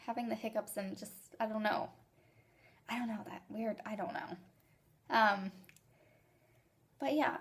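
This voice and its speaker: A young woman talking casually to her viewers in a rambling, excited and emotional way, with hiccups. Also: fairly high pitch, creaky. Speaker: vlogger sharing fertility journey. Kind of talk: casual vlog.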